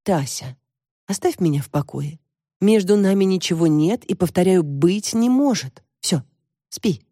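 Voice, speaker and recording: A woman voicing a weary, gentle mother who speaks in a calm, measured, tired way in an audiobook. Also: lowish voice, dry recording, clean studio sound. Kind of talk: audiobook character voice.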